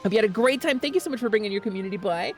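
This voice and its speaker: A woman's voice: medium pitch, expressive, rapid-fire, faint music behind. A woman live-streaming a video game in a cute anime-streamer manner, chatting casually and greeting viewers in a bubbly, playful way.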